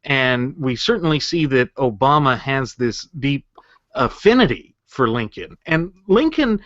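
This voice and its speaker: A man's voice: medium pitch, expressive, measured pace, fairly bright tone, no room sound. A man co-hosting a political talk show, arguing his points earnestly and building them with rhetorical questions. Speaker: co-host. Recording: dull muffled lo-fi audio.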